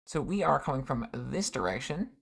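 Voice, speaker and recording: A man narrating a tabletop game as game master, describing scenes in a halting way with frequent ums and uhs. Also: mid-range voice, very animated, creaky, background noise.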